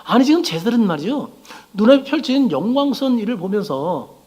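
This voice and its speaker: A man preaching a sermon as pastor, swinging between loud exclamations and hushed low lines. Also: very animated, moderate pace, husky.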